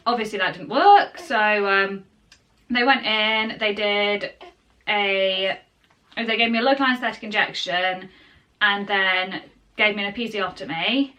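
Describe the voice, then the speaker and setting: A young woman telling her birth story to camera at home in a chatty, casual way, full of fillers and soft asides to the baby in her arms. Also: medium pitch. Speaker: parenting vlogger.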